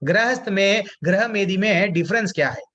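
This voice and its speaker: A man's voice: sits high, normal speed, pushed and bright, dull audio. A man teaching a devotional scripture class. He asks his listeners questions and answers them himself, chants Sanskrit verses and explains them, and mixes English words into his Hindi. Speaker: Gita study class teacher.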